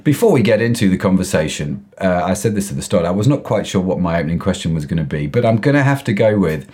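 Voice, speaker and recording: A man with a croaky, froggy voice hosting a podcast in an enthusiastic, informal, chatty presenting style. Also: low voice, big pitch swings, fast talker, darkish tone. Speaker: podcast host. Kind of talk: podcast introduction, chatty semi-scripted presenting.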